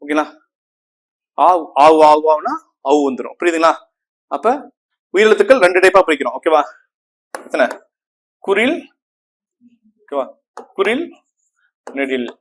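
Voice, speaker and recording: A man with a somewhat high voice teaches grammar to a classroom of students. He repeats each term and keeps checking whether the class is following. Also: animated, a little slow, long pauses, fairly bright tone. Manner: asks the class frequent checking questions; repeats terms and counts on fingers.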